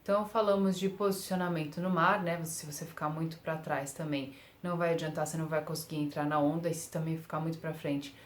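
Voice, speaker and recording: A woman's voice: deep voice, steady tone, fast, hardly any pauses, reverberant. A young woman giving surfing tips in a casual, chatty way, often laughing at herself and using fillers. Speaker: surf vlogger. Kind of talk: casual tutorial talk.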